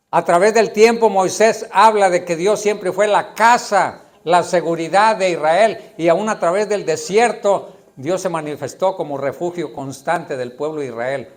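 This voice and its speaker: A man preaching a sermon with a notably high-pitched voice. He delivers it emphatically as a pastor, repeating his points and putting questions directly to the congregation.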